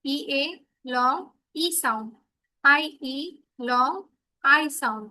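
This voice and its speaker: A woman's voice: high voice, takes it slowly, bright, forceful tone. A woman teaching English phonics to children in an online class, patiently checking that each pupil understands. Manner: addresses the children affectionately as "baba". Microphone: laptop microphone on a video call.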